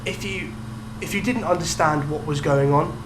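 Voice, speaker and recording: Fairly high in pitch and moderate in pace, a young man co-hosts a podcast and talks casually about video games. There's roomy echo plus a steady hum and noise behind him.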